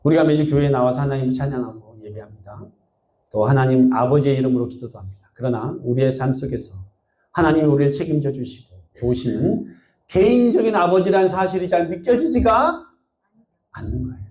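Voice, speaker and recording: A man's voice: mid-range voice, expressive, fairly quick, darkish tone. A male pastor preaching a Sunday sermon, telling a story and asking the congregation questions. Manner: asks the congregation questions and acts out quotes. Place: church sanctuary. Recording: echoey church sound.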